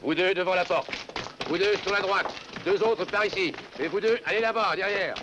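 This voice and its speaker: An actor playing an excitable man driving his men onward in a French-dubbed western, loudly barking short urgent orders over music. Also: high-pitched, unhurried, noisy background. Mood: brisk, commanding.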